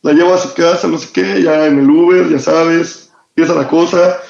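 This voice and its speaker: Slangy Mexican young man, high voice. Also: fairly even intonation, moderate pace, gravelly, darkish tone, echoey room, muffled recording. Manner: slangy, storytelling, laughs often. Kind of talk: casual chat.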